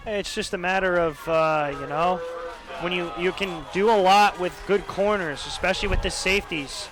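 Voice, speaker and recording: Student color analyst, young man, high-pitched, explains plays loosely with fillers, outdoors at a stadium. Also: moderate pace, rough recording. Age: young adult. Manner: analytical, many fillers like "uh" and "you know". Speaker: color commentator. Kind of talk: college football analysis.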